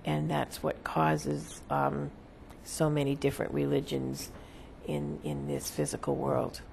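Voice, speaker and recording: This is a seance medium speaking as a channeled spirit. The voice crackles heavily with fry and moves very slowly, with little rise or fall. The phrasing is solemn, halting and formal, over faint background noise. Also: mid-range voice, completely flat delivery, a little mellow. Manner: halting, deliberate, formal phrasing with long pauses.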